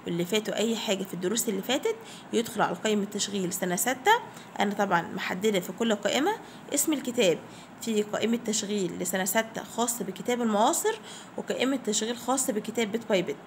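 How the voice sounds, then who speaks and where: A woman's voice: medium pitch, rapid-fire, a little hiss or hum. A woman with an Egyptian Arabic accent teaching English vocabulary to young pupils, repeating each word and spelling it out letter by letter in a fond tone. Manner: affectionate, addresses pupils as "my dears". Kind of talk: classroom vocabulary lesson.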